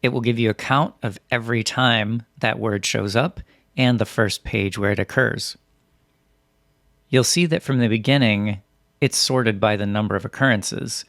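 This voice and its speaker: Low-voiced man narrating a tutorial. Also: a bit bright, no room sound, clean studio sound. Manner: methodical, step-by-step. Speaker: software tutorial presenter. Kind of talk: scripted instructional narration.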